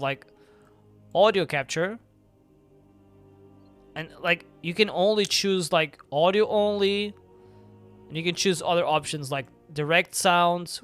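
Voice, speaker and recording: A man's voice: fairly high pitch, pushed and bright, smooth. Chatty young man streaming a game. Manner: rambling, full of "like" fillers. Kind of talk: casual live-stream chat. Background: faint game music.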